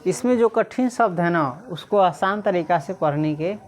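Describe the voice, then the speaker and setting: A woman teacher, reading Sanskrit slowly syllable by syllable and quizzing the class again and again. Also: fairly low pitch, darkish tone. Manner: repeatedly quizzes listeners, slow syllable-by-syllable reading.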